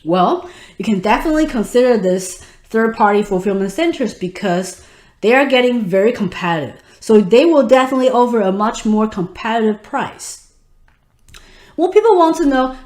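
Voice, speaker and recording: A woman's voice: fairly high pitch, roomy sound. A woman in her thirties from Taiwan, a native Mandarin speaker with a Taiwanese Mandarin accent, hosting an online webinar and speaking straight to her audience. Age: 30s. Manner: instructive, addresses the audience directly. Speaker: webinar host.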